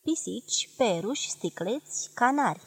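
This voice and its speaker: A woman from Romania giving a measured, expressive literary reading of a memoir. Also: fairly high pitch, breathy edge, dry recording. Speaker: reader of a memoir.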